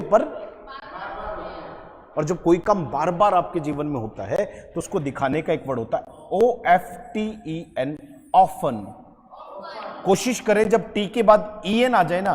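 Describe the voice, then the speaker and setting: A man teaching an English grammar lesson to a class, lively and quizzing his students with repeated questions. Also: high-pitched, big-room sound, slight background noise. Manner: lively, quizzing students, calls them beta.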